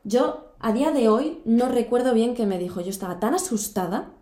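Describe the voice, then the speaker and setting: A woman's voice: on the high side, expressive, moderate pace, mellow. Young woman, echoey room. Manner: earnest, emphatic, repeats words for stress. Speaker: guest recounting backpacking travels. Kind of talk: casual storytelling chat. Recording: roomy echo.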